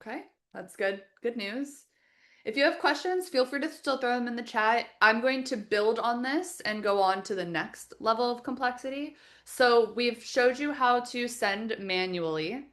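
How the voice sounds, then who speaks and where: Woman walking through a software tutorial. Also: a little high, normal speed. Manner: step-by-step instructional, friendly and practical. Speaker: software trainer for the company. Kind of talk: live webinar screen-share tutorial.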